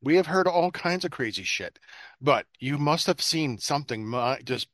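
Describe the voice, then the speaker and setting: A man's voice: a little high, lively intonation, normal speed, fairly bright tone, dry recording, clean studio sound. A man hosting an interview, asking casual questions and offering friendly encouragement. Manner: friendly, encouraging, with short agreements. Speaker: interviewer, host.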